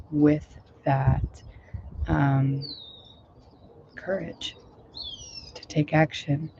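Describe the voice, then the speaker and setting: Guiding a meditation in a relaxed, chatty way, this teacher wanders a bit and leans heavily on fillers, though she stays gentle. Her voice is somewhat hoarse and low today, with a mellow, fairly flat delivery. The recording is outdoors, dull and lo-fi, with faint noise behind her.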